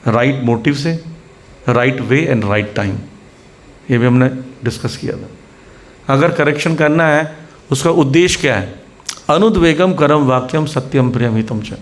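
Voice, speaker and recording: An Indian man giving a Hindi sermon at a temple preaching centre, mixing in English words and acting out scolding examples. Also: a little high.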